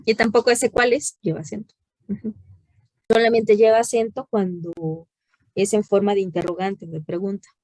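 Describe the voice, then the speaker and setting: A woman's voice: mid-range voice, little pitch movement, moderate pace, darkish tone, no room sound. A woman, a teacher giving patient, corrective feedback on a student report during an online class. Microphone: video call.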